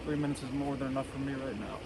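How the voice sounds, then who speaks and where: Casual man vlogging over loud background noise. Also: mid-range voice, fast. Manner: laid-back, colloquial. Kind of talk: casual vlog talk to camera. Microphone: phone. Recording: loud outdoor and vehicle noise.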